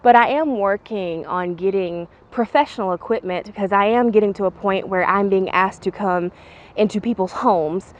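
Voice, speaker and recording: A mid-range female voice at a moderate pace, with the high frequencies cut off. She hosts an informal ghost-hunting vlog outdoors by a bridge, addressing viewers and posing questions to spirits, with clicks and noticeable background noise.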